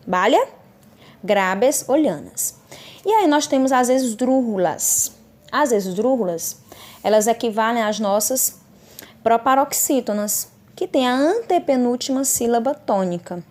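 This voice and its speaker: A woman teacher with a Brazilian Portuguese accent talks her students through a recorded lesson. She slows down and leans on each example word, and she keeps checking in with short tag questions. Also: fairly high pitch. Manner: slows down and stresses example words. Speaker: Spanish teacher.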